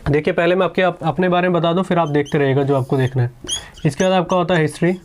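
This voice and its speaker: A man's voice: on the high side, steady tone, a little hiss or hum. A man teaching exam strategy in a casual, chatty lecture, often checking in with his students. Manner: quick, chatty, keeps saying "ठीक है".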